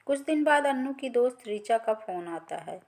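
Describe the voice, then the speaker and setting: A woman storyteller reading a scripted family drama in an even, plain manner. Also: on the high side, moderate pace.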